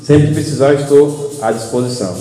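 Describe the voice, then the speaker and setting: A man's voice: medium pitch, steady tone, fairly quick, mellow. A Brazilian Portuguese-accented man preaching an informal evening sermon, folksy and chatty, telling everyday stories and addressing the listeners as brothers. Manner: chatty, folksy storytelling with frequent "né" and "irmãos". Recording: echoey hall with faint hum.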